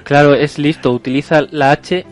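Slightly high-voiced man, brief interjections. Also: fairly even intonation, normal speed, faint music behind. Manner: short interjections. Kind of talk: casual chat.

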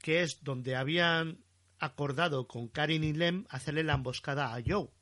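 Bright, animated man recapping. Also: on the high side, moderate pace. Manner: animated storytelling, acting out quotes. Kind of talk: casual recap chat.

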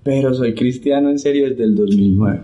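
Earnest man, mellow muffled voice. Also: mid-range voice, normal speed, slight background noise. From Santander, Colombia. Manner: earnest, animated retelling with acted-out quotes. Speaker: guest sharing testimony. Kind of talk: casual conversational testimony.

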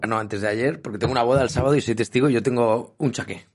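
A man, telling wry anecdotes in a casual podcast chat. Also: medium pitch. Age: 30s. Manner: quick, storytelling, wry. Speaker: podcast co-host.

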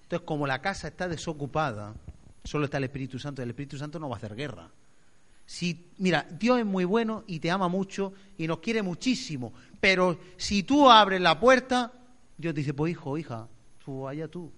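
Expressive male pastor preaching. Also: on the high side, a little fast. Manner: expressive, acts out voices, swings loud to soft. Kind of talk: sermon.

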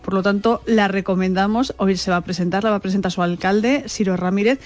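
A female correspondent reports for radio in a relaxed, conversational flow. She leans on small filler words as she goes. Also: medium pitch, brisk. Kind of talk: news report.

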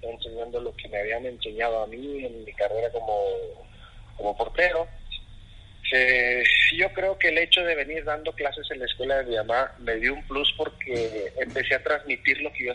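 A middle-aged man, telling his story as an interview guest in an animated, casual way. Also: medium pitch, husky, rough recording. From Mexico. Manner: animated, acts out dialogue, many fillers. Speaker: interview guest, goalkeeper coach.

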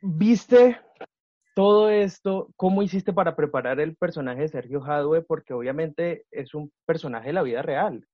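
A man's voice: on the high side, normal speed, no echo. Male host, question-asker, brief affirmations, dull dry recording. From Colombia. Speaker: interviewer. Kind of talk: interview questions.

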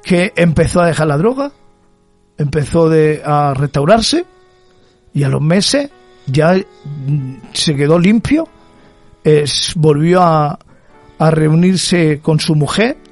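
High-voiced preacher, fervent. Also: male voice, lively intonation, slow, long pauses, faint music behind. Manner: storytelling, rising to fervent emphatic repetition. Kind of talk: sermon.

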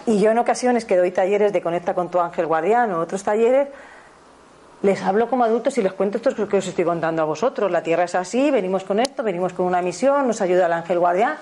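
A woman in her fifties with a medium-pitched, dark voice and a Spanish accent from Spain gives a spiritual talk on parenting as a teacher. She speaks fast, often corrects herself, and checks in with her listeners.

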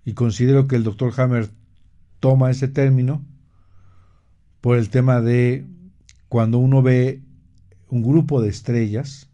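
Slow, dark-voiced man. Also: medium pitch, steady tone, highs cut off. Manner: measured, with frequent pauses and fillers. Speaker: radio show host and therapist. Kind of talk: slow explanatory talk.

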